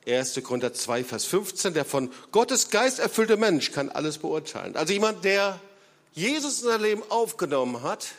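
A man preaching a sermon as pastor, emphatic, with big swings in loudness and frequent hesitation fillers, in a church hall. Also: high-pitched, very animated, moderate pace. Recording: long hall reverb.

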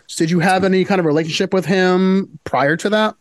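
A man hosting a casual interview, asking relaxed questions. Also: sits high, fairly quick. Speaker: podcast host.

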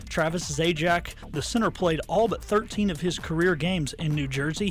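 A man reading a brisk scripted sports news update on radio. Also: on the high side. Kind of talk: read sports news bulletin.

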